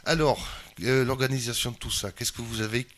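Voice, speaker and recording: A man's voice: mid-range voice, steady tone, brisk, a bit bright. A man hosting a local web radio interview, easygoing and a little hesitant, introducing songs and asking his guest questions. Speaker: radio host.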